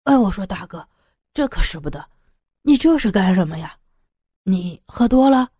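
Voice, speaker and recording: A woman voicing a loyal, brotherly younger man who talks briskly and stammers when flustered, in an audiobook story. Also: on the low side, vocal fry, mellow, breathy edge, no room sound, clean studio sound, voice pushed down, exaggerated voice. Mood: alarmed. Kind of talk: audiobook character voice.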